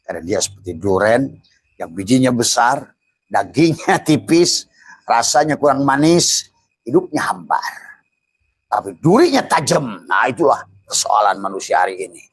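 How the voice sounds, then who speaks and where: Husky older man teaching mysticism. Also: mid-range voice, very animated, moderate pace, dry recording, poor audio. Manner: chuckles often, swings from loud to whispered asides. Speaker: spiritual teacher. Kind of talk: Sufi religious teaching.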